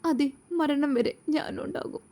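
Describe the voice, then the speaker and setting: Woman voicing a shy young bride, soft raised voice, mellow, storybook. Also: high voice, unhurried, creaky, pitched above the performer's own voice. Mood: tender.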